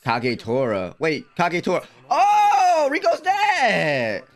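Taking it slowly, a young adult anime reaction host reacts in a high-pitched voice with wildly swooping pitch, his commentary casual, slangy and exclamatory. He's recorded close on a desk microphone in front of him in a small bedroom streaming setup.

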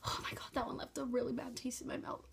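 A young woman vlogger with a slightly high voice talks casually to camera in a bedroom. She is eating nasty jelly beans and sounds theatrically grossed out. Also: level tone, fast, creaky, a little hiss or hum. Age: young adult. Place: bedroom, indoors. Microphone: phone or laptop at arm's length.

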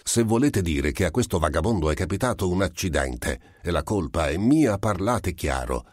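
A man's voice: very deep voice, animated, moderate pace, no echo, studio quality. A man doing a curt, suspicious merchant. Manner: curt, defensive, increasingly loud. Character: irritable suspicious male merchant, middle-aged.

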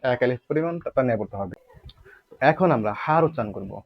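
A man's voice: mid-range voice, lively intonation, quick pace, vocal fry, no room sound, dull audio. A man teaching Arabic letter pronunciation in a patient, repetitive way, asking rhetorical questions and drawing out sounds to demonstrate them. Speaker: Quran recitation teacher.

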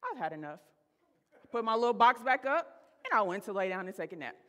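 A woman's voice: a little high, sing-song, a little fast, fairly bright tone. A woman in her thirties preaching a sermon from a church stage, telling a personal story in a chatty, laughing way and calling the congregation y'all. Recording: reverberant sanctuary.

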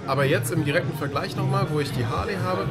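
A man's voice: a little high, quick pace. A young man ranting casually and bluntly in slang, half joking. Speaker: friend and guest. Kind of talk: casual chat. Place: dim diner. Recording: loud music in the background.

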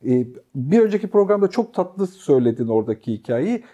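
A man's voice: fairly high pitch, very animated, brisk, dark tone. A man co-hosting a talk show, reflecting and building arguments in casual chat. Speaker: co-host.

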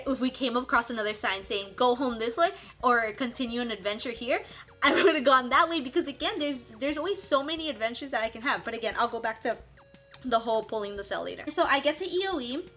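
Bubbly young woman telling a story. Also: a little high. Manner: animated, acts out others' lines in quick quoted asides. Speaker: vlogger recapping a reality show stint. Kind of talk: casual storytelling recap.

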